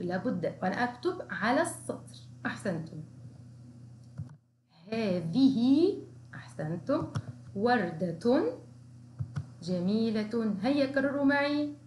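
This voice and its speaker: A woman kindergarten teacher leads a writing lesson, sounding out each syllable slowly and praising the children again and again. Her voice rings in a roomy, echoey space. A faint hiss of noise sits underneath. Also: on the high side, expressive, a little mellow. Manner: encouraging, slow, sounds out syllables. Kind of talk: recorded Arabic writing lesson for young children.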